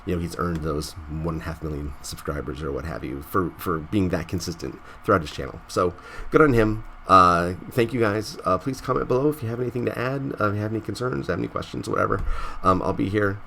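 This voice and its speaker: A low-pitched, gravelly man talks a little fast in a bright, forceful tone, with slight background noise behind him. Hosting a casual gaming vlog while stuffy with a cold, he rambles, restarts frequently, and keeps saying "right?"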